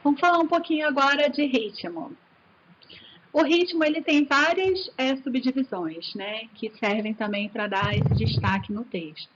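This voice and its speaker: A woman's voice: high-pitched, moderate pace, fairly bright tone. A Brazilian woman teacher giving a recorded video lesson in a chatty, enthusiastic way. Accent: Brazilian Portuguese. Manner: chatty and enthusiastic, addresses students as "gente". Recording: dull sound with faint hiss.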